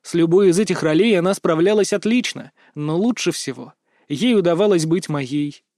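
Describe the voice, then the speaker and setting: A man narrating an audiobook in measured, scripted first-person storytelling. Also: sits high, a little mellow, dry recording, studio quality.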